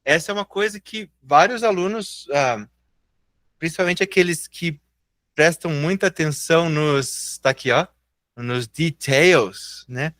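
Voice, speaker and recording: A Brazilian man teaching English in a live online class. He speaks with a Brazilian Portuguese accent, is patient and encouraging, and draws out example words slowly. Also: fairly high pitch, a bit bright, no room sound.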